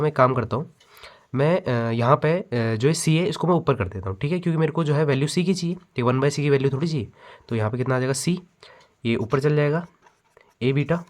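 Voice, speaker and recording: Man talking through a physics problem. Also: a little high. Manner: checks often that students follow. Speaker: physics teacher. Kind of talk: step-by-step math lesson over handwritten notes.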